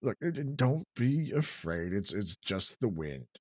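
Ein Mann als stotternder, trotzig mutiger Kinderheld. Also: male voice, on the high side, big pitch swings, a little slow, dry recording, clean studio sound. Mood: shaky. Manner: stammering, bluffing courage. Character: brave kid hero, shaky but defiant.

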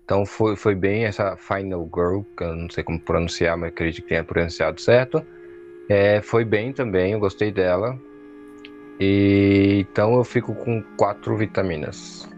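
A man with a lowish voice weighs in on a film, pausing and restarting as he looks for words. His sound is dull and lo-fi. Faint music plays under him. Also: a little mellow. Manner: hesitant, searching for words. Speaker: podcast co-host. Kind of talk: casual movie review chat.

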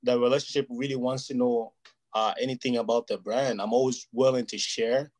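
Speaking a little fast with fairly even intonation, this man has a mid-range, darkish-toned voice. As a guest in a casual interview, the Portuguese native talks earnestly and at length and keeps asking "you know what I mean".

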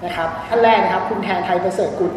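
A man's voice: high-pitched, steady tone, rapid-fire, a crowd in the background. A man interviewing guests on stage, asking playful, teasing questions. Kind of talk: casual onstage interview. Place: university auditorium. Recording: echoey hall, distant mic, noise.

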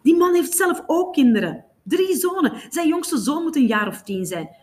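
A hoarse young woman shouts and scolds with a high, urgent edge, as a woman reading a novel voices her. The rasp stays in her throat even as she pushes her voice up and forward. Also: normal speed. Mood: tense.

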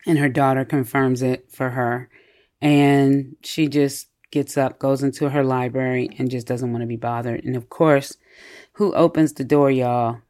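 A podcast co-host in a casual book discussion, retelling the story in an animated way with many fillers and frequent laughter. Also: medium pitch, measured pace. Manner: laughs often while retelling.

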